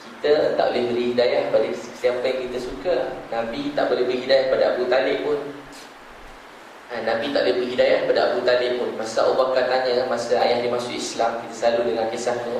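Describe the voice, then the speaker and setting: Fast-talking Malaysian preacher in echoey hall. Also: male voice, medium pitch, flat delivery, darkish tone, slight background noise. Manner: storytelling, repeating phrases for emphasis. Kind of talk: sermon. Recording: echoey hall, speaker far from mic.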